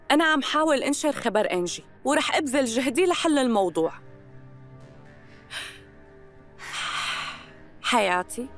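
Casting: actress playing coaxing, manipulative woman in her thirties, Syrian accent, high animated voice, dubbed TV drama. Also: lightly acted. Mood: smooth, needling. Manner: coaxing, insistent.

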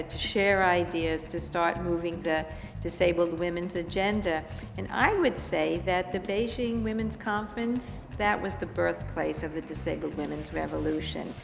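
An earnest middle-aged woman speaks in a low voice in a documentary interview, stressing her points. Her voice trails in a long reverb, with music playing clearly beneath her. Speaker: organization leader.

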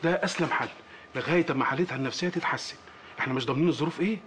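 A man playing a calm Egyptian doctor. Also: fairly high pitch, background noise, close to an everyday voice. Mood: earnest. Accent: Egyptian Arabic. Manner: measured, advising. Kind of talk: film acting.

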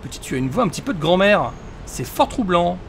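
Lively, high-voiced let's player. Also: male voice, a little fast, gravelly, a little hiss or hum. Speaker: let's play host. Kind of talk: casual game commentary and reading dialogue aloud.

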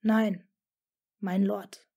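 A woman voicing an exhausted young man answering his master in flat, dutiful replies. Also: mid-range voice, drawn-out words, gravelly, breathy edge, full character voice.

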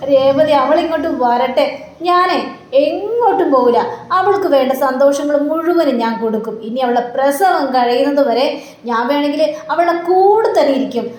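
Woman doing an eager excited young husband, high voice, echoey. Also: normal speed. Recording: roomy with faint background noise.

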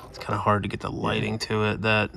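A man's voice: lowish voice, completely flat delivery, fast, creaky, sharp tone. A man hosting a car-build vlog from his shop, talking casually and expressively with a self-mocking streak. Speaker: shop owner and channel host.

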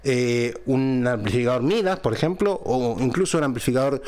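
A man's voice: medium pitch, normal speed, a little mellow. A man hosting a casual microphone review, explaining patiently and checking in with a frequent "¿bien?", recorded close on a dynamic mic in a home setup. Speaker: channel host reviewing a microphone. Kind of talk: casual tech review and sound test. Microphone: close dynamic studio microphone through a mixer.

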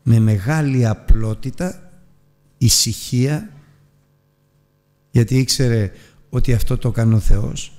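Addressing his audience as brothers, a man retells a scripture story in a Bible lesson, his mid-range, slightly mellow voice broken by long pauses. The telling is earnest, with emphatic rises and falls.

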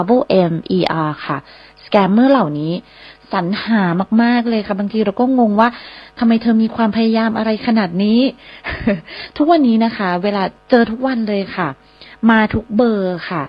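A woman hosting a radio English lesson, spelling English words slowly letter by letter and repeating phrases for listeners. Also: medium pitch. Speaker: radio host and English teacher. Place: radio studio. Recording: slightly dull radio broadcast sound.

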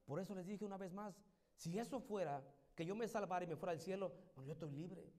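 A middle-aged man preaching a sermon as pastor in a church, moving between loud, fervent exhortation and soft, intimate tones. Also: high voice, quick pace.

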